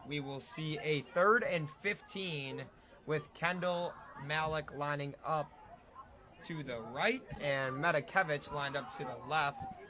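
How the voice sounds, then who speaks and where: A teenage boy giving casual play-by-play for a high school football game, hiccuping now and then. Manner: casual, easygoing, a few filler restarts. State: has the hiccups. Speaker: student play-by-play announcer. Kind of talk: live football commentary. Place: outdoor stadium press box. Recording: noisy outdoor stadium ambience.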